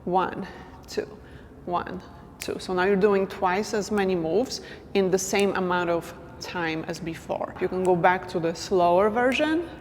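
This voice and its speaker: A woman teaching dance moves in a casual instructional talk, counting beats softly as she demonstrates. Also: fairly low pitch, normal speed, long reverb tail, a little hiss or hum.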